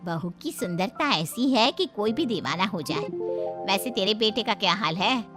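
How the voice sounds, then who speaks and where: A woman's voice: mid-range voice, lively intonation, normal speed, music in the background, lightly acted. A woman voicing a scheming, spiteful older female friend in a cartoon story, with a gloating, conspiratorial manner. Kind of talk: cartoon voice acting.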